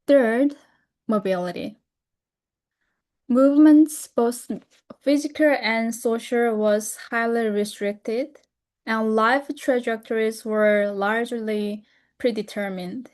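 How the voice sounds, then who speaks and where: Young woman from North Korea, Korean native, webinar speaker; slow, careful delivery with frequent fillers and restarts. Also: on the high side, steady tone, darkish tone. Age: young adult. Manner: careful and halting, frequent fillers and self-corrections. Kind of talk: presentation over a video call.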